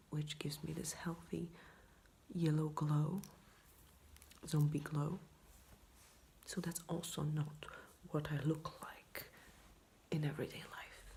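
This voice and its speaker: A low-voiced woman, talking in a quiet, often whispered night-time hush. Her voice is gravelly with fry and sounds tired. She rambles in a self-deprecating way, speaking casually up close to a phone. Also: a little hiss or hum. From Poland. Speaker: vlogger. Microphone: iPhone, leaning in close.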